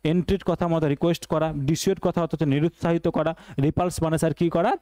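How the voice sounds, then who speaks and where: High-voiced man drilling vocabulary. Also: fairly even intonation, fast, mellow, no room sound. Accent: Bengali. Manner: repeats each question and answer as a drill, addressing students as "sir". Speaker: English teacher for exam preparation. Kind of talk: online exam-prep lesson, call-and-response drilling.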